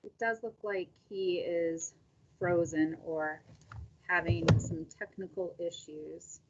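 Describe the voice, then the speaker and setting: A woman's voice: on the low side, steady tone, slow. A woman speaking on a group voice call in a meeting, plain and matter-of-fact. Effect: heard over a group voice call. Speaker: meeting participant. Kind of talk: casual meeting remark. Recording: distant lo-fi call audio with faint noise.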